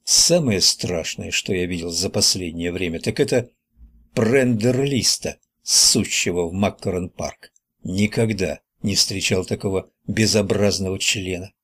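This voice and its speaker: A man's voice: low voice, unhurried, fairly bright tone, slightly rough, full character voice. A man voicing a brash, wisecracking teenage boy in an audiobook. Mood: mocking. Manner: brash, teasing. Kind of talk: audiobook character voice.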